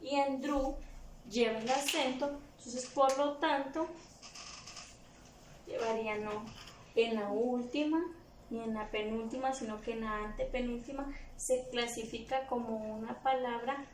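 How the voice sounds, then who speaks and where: A woman's voice: fairly high pitch, fairly even intonation, measured pace, far from the mic. A woman teacher with a Guatemalan Spanish accent, patiently explaining a grammar review lesson to young pupils step by step. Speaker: primary school teacher. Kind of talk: recorded remote review lesson for children. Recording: echoey room, faint background noise.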